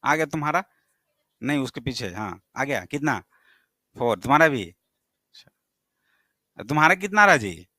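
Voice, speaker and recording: A man's voice: medium pitch, big pitch swings, normal speed, bright, forceful tone, dry recording. A male math teacher, lecturing a classroom and firing questions at his students, sometimes scolding them.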